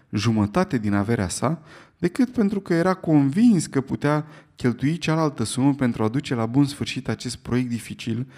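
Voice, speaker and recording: A man narrating a classic novel as an audiobook in a measured, steady reading. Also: mid-range voice. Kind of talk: scripted narration.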